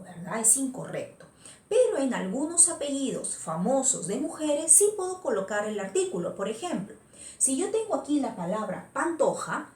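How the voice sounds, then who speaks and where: Lively, high-voiced woman teaching a lesson. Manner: explaining patiently with frequent check-ins. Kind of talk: virtual class lesson. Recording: echoey room with faint noise.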